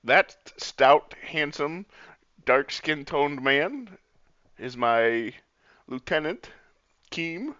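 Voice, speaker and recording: A man's voice: on the high side, expressive, extremely slow, pauses often, pushed and bright, dry recording. A man playing a tabletop game, chatting casually and speaking in character, on a slightly dull microphone. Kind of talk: casual game chat and role-play.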